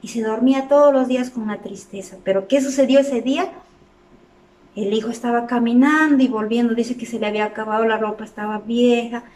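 A woman tells a Bible story to children, checking in with them through frequent questions. Her voice is high and sounds distant in a roomy, echoing space. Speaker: children's club Bible teacher. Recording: echoey room, voice from a distance.

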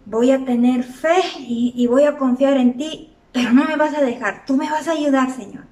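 A woman voicing a poor, timid young man who doubts himself and pleads with a halting, stammering manner, in a story for children. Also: high-pitched, fairly even intonation, dark tone, recorded from a distance, close to an everyday voice. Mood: pleading. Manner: hesitant, pleading, stammers a little. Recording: roomy echo, from off the mic.

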